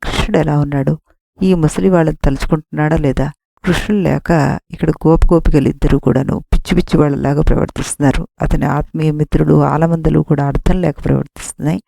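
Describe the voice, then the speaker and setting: A woman's voice: low voice, steady tone, brisk, vocal fry, dark tone, dry recording, heavily acted. A woman voicing a grieving old cowherd chief in a storybook, asking sorrowful, pleading questions.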